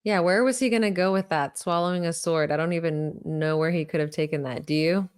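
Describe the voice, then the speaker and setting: Podcast co-host lady, lowish smooth voice, wry jokey chat. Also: fairly quick, darkish tone. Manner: wry, joking. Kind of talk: casual chat.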